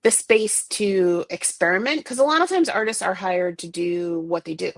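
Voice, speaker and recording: A woman's voice: fairly low pitch, animated, no room sound. A middle-aged woman chatting casually as an art director guest, rambling with lots of fillers and restarts. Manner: rambling, many fillers and restarts, quick bursts. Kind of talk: casual interview chat.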